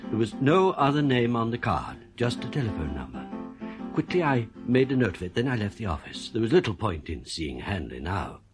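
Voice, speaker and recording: Over music, a lowish male voice moves a little fast with big pitch swings. He's acting as a suspicious, uneasy composer in a radio play, telling his story in a troubled, confiding first person through narration and dialogue.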